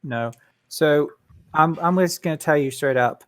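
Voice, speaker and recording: A man's voice: a little high, a bit bright, no room sound. Man explaining things at length. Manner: measured, explanatory, frequent ums. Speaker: staff member at a community meeting. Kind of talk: casual voice chat.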